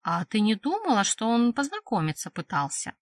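A woman's voice: a little high, wildly swooping pitch, moderate pace, no room sound, studio quality. A woman reading an audiobook voices a young woman's friend who teases and mocks in a sly, giggly way. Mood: teasing.

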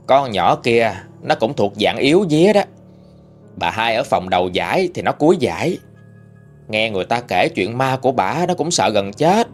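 Lively Southern Vietnamese male storyteller. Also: medium pitch. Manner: lively, colloquial, expressive storytelling. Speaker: ghost story narrator. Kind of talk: storytelling narration.

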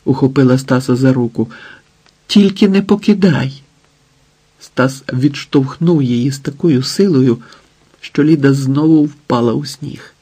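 A man narrating an audiobook in a dramatic, measured way. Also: medium pitch, fairly even intonation, mellow, husky.

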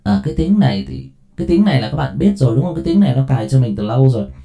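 A man's voice: medium pitch, big pitch swings, racing, creaky, dark tone, soft background music. A man chatting casually to listeners through a voice filter that sounds like talking into a plastic tube, often asking them to agree. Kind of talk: casual livestream chat testing voice effects.

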